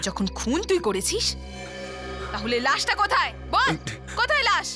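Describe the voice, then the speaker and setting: An actress playing a defiant, menacing villainess with a sharp, demanding manner in an Indian TV crime drama. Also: female voice, very high voice, wildly swooping pitch, normal speed, music in the background, full character voice. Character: defiant, menacing villainous woman scheming for money.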